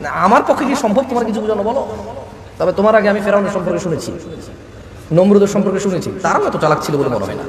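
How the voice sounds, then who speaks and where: Male preacher, scolding and restless, very high and quick, heard distant and roomy over a PA. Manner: restless, loud and high-voiced, scolding the crowd. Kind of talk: sermon at a religious gathering. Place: large religious gathering, amplified on a mic. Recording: echoey PA sound from far off.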